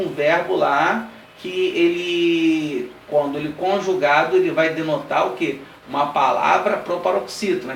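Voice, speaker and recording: A man teaching an exam-prep grammar lesson, explaining step by step, checking in with his students and spelling out examples slowly. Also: a little high, vocal fry. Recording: roomy classroom sound, heard from a distance, light background noise.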